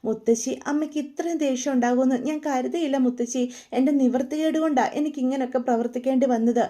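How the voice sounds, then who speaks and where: A woman's voice: sits high, fast talker, warm tone, natural voice. A woman voicing a heartbroken young daughter pleading about her mother's anger. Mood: hurt.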